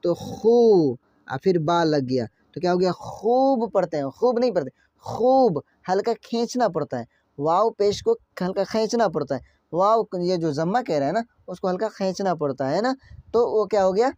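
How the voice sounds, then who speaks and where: A man's voice: sits high, animated, a little fast, darkish tone, no room sound, muffled recording. A man teaching an online grammar lesson, stretching out example words and asking his students questions again and again.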